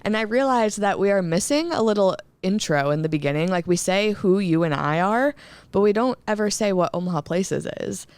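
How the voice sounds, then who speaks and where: Young woman co-host, quiet and soft-spoken, smooth clear voice, dry close sound. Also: lively intonation, brisk, no room sound. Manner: soft-spoken, low projection. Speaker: podcast co-host. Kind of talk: casual chat.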